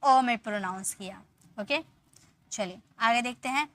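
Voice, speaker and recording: A woman explains reading rules as a teacher, her voice high and bright. She goes over each example word slowly and keeps asking questions. The sound is dry and close. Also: no echo. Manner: patient, repeats words slowly and asks questions. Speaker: English pronunciation teacher.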